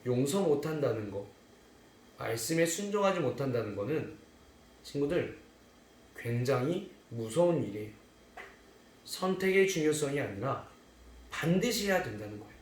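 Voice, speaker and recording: A man preaching a children's sermon in an animated storytelling way, speaking to the children as friends. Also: mid-range voice, normal speed, long pauses. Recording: echoey room.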